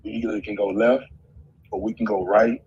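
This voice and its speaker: A man's voice: on the low side, steady tone, normal speed, darkish tone. Intense, swearing middle-aged man storyteller. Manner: intense, emotional, heavy swearing. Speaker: guest telling a personal story. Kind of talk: raw personal storytelling. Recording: muffled with faint background noise.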